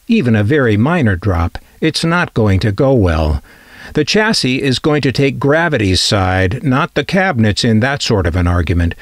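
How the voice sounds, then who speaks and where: A man with a mid-range voice presents a collector's item for a vintage radio collecting channel, recorded dry. His informal scripted narration carries a wry, dryly humorous touch.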